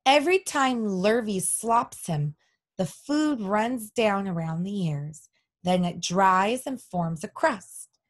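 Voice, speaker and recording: A woman voicing a brisk, determined farm wife who insists on having her way, in a storybook reading. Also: mid-range voice, animated. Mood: insistent. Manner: bossy and insistent.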